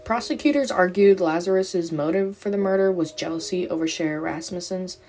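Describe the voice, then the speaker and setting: A woman's voice: lowish voice, brisk, a little mellow, a little hiss or hum. A woman hosting a true crime podcast, telling the story in a casual way with sarcastic asides.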